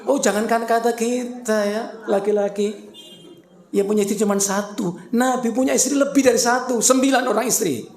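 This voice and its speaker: A man's voice: extremely high pitch, normal speed, a little mellow. Joking male preacher in echoey mosque. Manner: joking, playful, addresses listeners directly. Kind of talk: conversational sermon to women. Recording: roomy echo.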